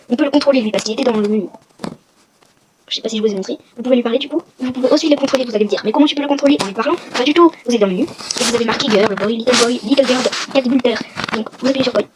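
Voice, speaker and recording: A woman talks quickly through a casual game walkthrough, rambling and joking at her own expense. Her voice sits a little high. Steady background noise and clicking run under her. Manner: chatty, rambling, self-mocking. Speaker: gaming video host. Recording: noisy with clicking sounds.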